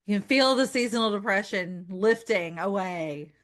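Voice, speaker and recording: A woman co-hosting a casual podcast, her pitch swinging freely up and down as she talks. She sounds upbeat and eager, readily cheering her co-host along. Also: lively intonation, normal speed, fairly bright tone. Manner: upbeat, enthusiastic, agreeable. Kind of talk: casual chat.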